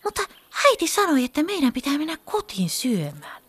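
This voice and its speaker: Lady putting on a squeaky little storybook girl, headstrong and quick to tantrums, shrieks way up high, dry sound. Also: no echo, full character voice. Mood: sulky. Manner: shrill excited shouting. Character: small strong-willed girl, quick to tantrums. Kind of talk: storybook character voice.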